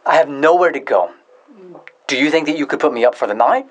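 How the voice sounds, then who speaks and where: A man acting an awkward, troubled friend sheepishly asking for help in a scripted dialogue, hesitant but clearly spoken. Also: on the high side, animated, brisk.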